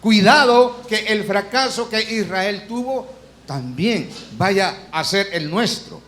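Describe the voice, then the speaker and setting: A pastor in church preaches a sermon to his congregation in a high-pitched, somewhat bright voice. He asks many rhetorical questions and acts out complaining voices in quotes, slowing down and rising in pitch on emphatic Bible quotations.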